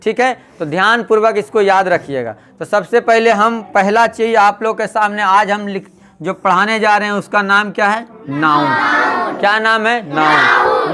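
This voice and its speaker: A man's voice: sits high, bright, forceful tone. A man teaching an English grammar class in Hindi, drilling students with call-and-response questions. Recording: noisy classroom with crowd chatter. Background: students chanting answers, classroom noise.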